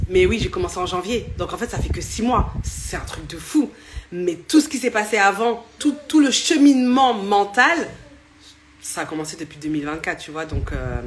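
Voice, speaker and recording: A woman's voice: fairly low pitch, fairly bright tone. Woman in her thirties, casual phone live-streamer, chatty with frequent laughs, faint background hiss. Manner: chatty, laughs often, many fillers and restarts. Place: indoors at home next to a fan. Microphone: phone camera.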